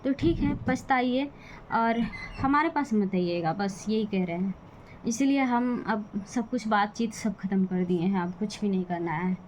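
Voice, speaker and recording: A woman's voice: mid-range voice, measured pace, a little mellow, slight background noise, poor audio. A young woman talking in a casual vlog, venting with bitter, defiant frustration about her family. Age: young adult. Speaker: vlogger. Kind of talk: casual personal vlog talk.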